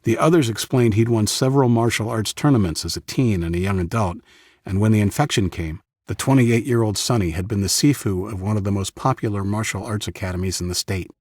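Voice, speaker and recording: Deep, husky-voiced male narrator. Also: fairly quick, darkish tone, no echo, clean studio sound. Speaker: audiobook narrator. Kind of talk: first-person audiobook narration.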